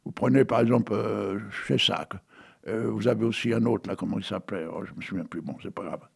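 An older man with a husky voice, rambling chattily to his viewers and reading out an absurd tale he wrote, tagging his phrases with "hein". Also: fairly low pitch, a little fast. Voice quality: gravelly, husky voice. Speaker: amateur writer reading his own text. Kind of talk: rambling monologue with a read-aloud absurd tale.

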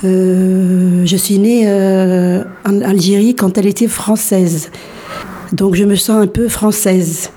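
A woman in her sixties, born in Algeria, telling her life story as a radio guest and often pausing to restart her sentences. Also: medium pitch, fairly even intonation, dark tone, a little hiss or hum. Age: 60s. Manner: hesitant, many fillers and restarts.

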